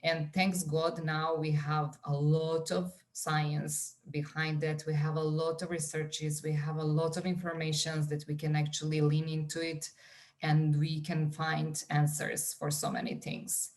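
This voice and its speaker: A woman's voice: low voice, level tone, a little slow, darkish tone. A woman in her forties with a Serbian accent, a wellness coach talking earnestly as a podcast guest with many fillers and restarts. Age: 40s. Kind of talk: conversational podcast interview.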